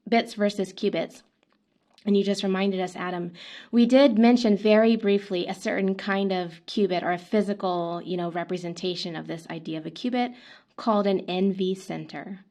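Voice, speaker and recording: A woman co-hosts a science podcast in a friendly, upbeat way. She uses plenty of fillers and restarts as she sets up the topic. Her pitch sits in the middle range for a woman. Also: a little mellow. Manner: upbeat, lots of fillers and restarts, laughs often. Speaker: podcast co-host. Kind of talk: conversational podcast hosting.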